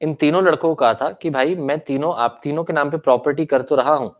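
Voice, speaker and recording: A man's voice: a little high, brisk, lo-fi sound. Indian man lecturing with a sore throat. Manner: mixes Hindi and English, coaxing students with tag questions. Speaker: commerce law lecturer. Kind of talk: online lecture reading chat questions.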